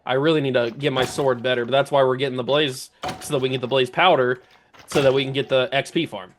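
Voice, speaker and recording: A man giving casual commentary while playing a game, thinking aloud, talking to enemies, his voice a little rough and strained. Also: mid-range voice, fairly even intonation, fast, a little hiss or hum. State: voice going, clearing throat. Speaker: let's play gamer.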